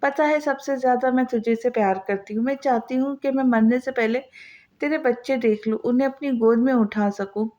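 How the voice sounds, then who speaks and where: A woman's voice: a little high, normal speed, dark tone, close to an everyday voice. A woman reading the lines of a doting, fussing old grandmother in an audio novel. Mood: pleading. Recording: slightly dull lo-fi audio.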